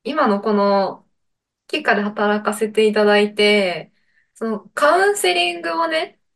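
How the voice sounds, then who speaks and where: A young woman guest on a podcast, talking softly and hesitantly with many fillers. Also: medium pitch, expressive, unhurried. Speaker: guest staff member. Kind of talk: casual podcast interview.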